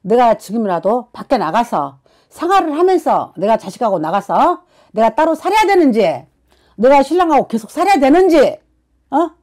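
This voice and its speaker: A woman's voice: a little high, big pitch swings, normal speed. A woman fortune teller giving blunt counsel, scolding and prodding her client with constant questions. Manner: forceful, scolding, keeps prodding with "어?".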